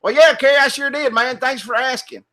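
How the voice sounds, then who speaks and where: A man imitating a friendly small-town country man who talks fast and chummy. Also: very high voice, fairly even intonation, sharp tone, pitched above the performer's own voice.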